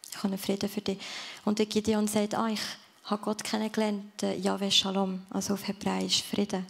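A woman's voice: mid-range voice, monotone, normal speed, creaky. A woman giving an earnest sermon in a church service, speaking directly to the listener and ending in prayer. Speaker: preacher.

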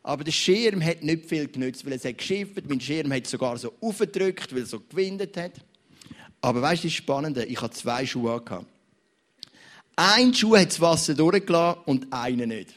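A young man with a Swiss German accent preaching a sermon in church, telling stories with big swings between loud and quiet. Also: normal speed. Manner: animated, storytelling, wide swings in pitch and loudness.

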